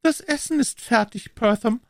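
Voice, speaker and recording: A man voicing a sour, cold, hard-hearted noblewoman in a shrill, strained falsetto. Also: moderate pace, vocal fry, no room sound, studio quality. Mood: curt.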